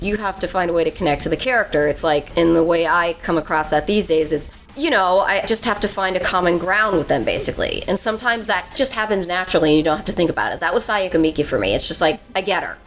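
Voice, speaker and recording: A woman voice actor in a convention interview, speaking at length and acting out the lines she quotes. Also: lowish voice. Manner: animated, talks at length with acted-out quotes.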